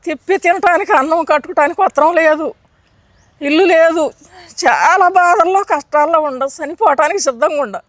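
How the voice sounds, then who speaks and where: An older woman tells her testimony in a high voice. She pleads and speaks earnestly. The recording is close and dry, with no room echo. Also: moderate pace. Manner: earnest, pleading, acts out her own past prayers. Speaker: interviewee giving testimony. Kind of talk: emotional testimony.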